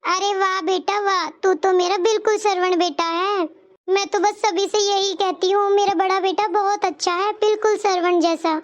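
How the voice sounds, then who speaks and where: A scheming old mother-in-law from a cartoon story, voiced by a woman, sweet-talking with a sugary, wheedling manner. The voice sits very high. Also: steady tone, normal speed, dull audio. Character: scheming elderly mother-in-law who plays favourites.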